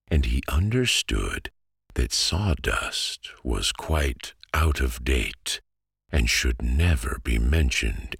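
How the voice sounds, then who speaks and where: A man narrating sleep stories in a slow, soothing, hushed way, with a husky low voice. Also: no room sound, studio quality. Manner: slow, calming, hushed delivery. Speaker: podcast host and sleep story narrator.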